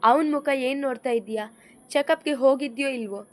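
A woman's voice: high voice, a little fast, lightly acted. A woman voicing a grave, demanding mother-in-law who questions her family in a stern way in an audio story.

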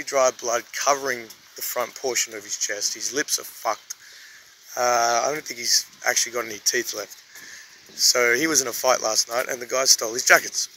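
A man's voice: medium pitch, pushed and bright. A man vlogging in casual, crude, joking talk, filmed on a handheld camera. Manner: crude, playful banter. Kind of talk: casual vlog narration. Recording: noisy street background.

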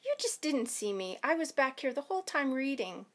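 A woman's voice: high voice, sing-song, pitched above the performer's own voice. Woman voicing a bossy, bold schoolgirl. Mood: defensive. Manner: sharp and insistent, quick to scold. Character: bold, bossy schoolgirl who sneaks into books.

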